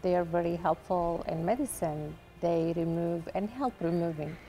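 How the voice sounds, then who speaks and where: A woman from Iraq with an Iraqi Arabic accent, an artist answering interview questions in slow, deliberate phrases. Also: on the low side, warm tone, soft background music. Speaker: artist guest.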